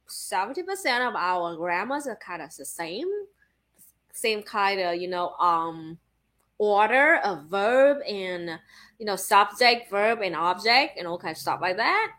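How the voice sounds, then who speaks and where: A native Vietnamese speaker chats casually in English with a Vietnamese accent. Her medium-pitched voice is pushed and bright, and she fills her talk with "like" and keeps restarting sentences.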